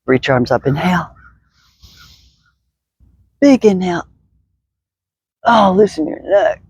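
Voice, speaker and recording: A woman's voice: lowish voice, animated, slow pace, darkish tone, husky, no echo. A woman guiding a stretching session outdoors, chatty and upbeat, talking her way through each move. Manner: chatty, upbeat, thinks aloud, laughs often. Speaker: stretching instructor. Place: outdoors in the sun.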